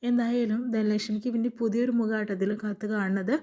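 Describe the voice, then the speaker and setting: A woman's voice: medium pitch, steady tone, fast, warm tone. A woman casually recapping a TV serial episode, retelling scenes and quoting the characters' lines in her own voice.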